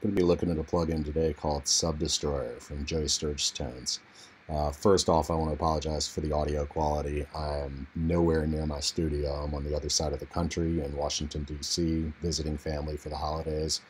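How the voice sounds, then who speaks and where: A man recording a laid-back software walkthrough in an untreated room on a low-quality built-in computer mic, talking casually with frequent fillers. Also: flat delivery, brisk, slight background noise. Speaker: music production tutorial host. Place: untreated room in a family home. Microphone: internal computer mic.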